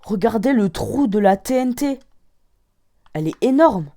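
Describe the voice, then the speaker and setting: A woman hosting a gaming channel, giving excited game commentary with loud exclamations, rating each item out of ten. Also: a little high, measured pace.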